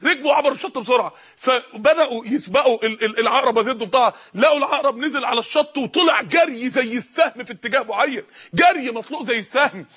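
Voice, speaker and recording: Egyptian guy preaching, high pitched and raspy, fast and all fired up. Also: bright, forceful tone. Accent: Egyptian Arabic. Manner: impassioned, storytelling, rising to cries. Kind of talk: emotional sermon.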